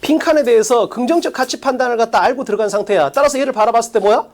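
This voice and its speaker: An English exam-prep teacher giving an online lecture, coaching students with quick rhetorical questions in a casual, plain classroom way. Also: medium pitch, a little mellow.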